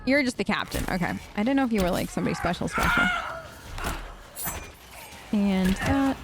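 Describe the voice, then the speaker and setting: A woman hosting a let's play, giving chatty, excitable commentary while she plays and yelping when startled. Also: mid-range voice, fast talker, heavy background noise. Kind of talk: gameplay commentary. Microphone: headphones with mic.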